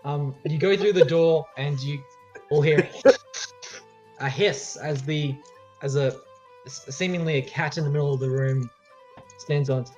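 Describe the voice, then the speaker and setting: A man with a fairly high voice runs a tabletop game. He narrates casually, improvising as he goes with some hesitation. The recording is a bit dull, with faint music behind him. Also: fairly even intonation, measured pace, pauses often, a little mellow. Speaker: game master. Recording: dull lo-fi audio, music underneath.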